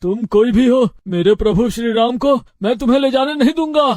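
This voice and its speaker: A man voicing a poor, devout village blacksmith in an animated story, speaking loudly and pleading. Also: fairly high pitch, unhurried, no echo, clean studio sound. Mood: anguished defiant. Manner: loud, pleading, cries out in anguish.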